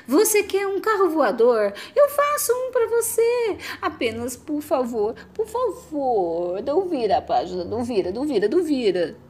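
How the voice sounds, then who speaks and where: Brief: woman voicing a melodramatic begging storybook narrator, high and swooping. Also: darkish tone. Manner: frantic, melodramatic pleading with wild pitch leaps. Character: desperate pleading storybook voice, male, begging reader.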